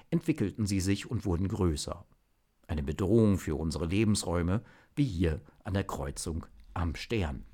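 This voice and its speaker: Lively low-voiced male storyteller. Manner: lively, expressive reading. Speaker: narrator. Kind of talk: storybook narration.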